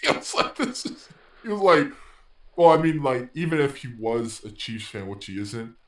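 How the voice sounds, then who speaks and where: A man co-hosting a casual podcast chat, laid-back and quick to laugh, a little defensive. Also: mid-range voice, animated, fairly bright tone, reverberant. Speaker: podcast co-host.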